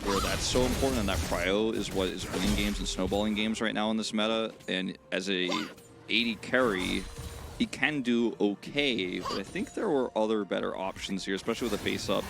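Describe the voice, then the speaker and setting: A man's voice: on the low side, moderate pace, gravelly. A man giving analytical color commentary on an esports match, drifting into playful banter with his co-caster. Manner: analytical, breaks into playful chat. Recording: music bed under commentary.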